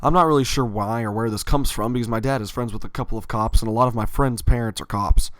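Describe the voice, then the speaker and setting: A man's voice: mid-range voice, fast, a bit bright, no room sound. A man telling a personal story in a casual, rambling way, with fillers and little self-corrections.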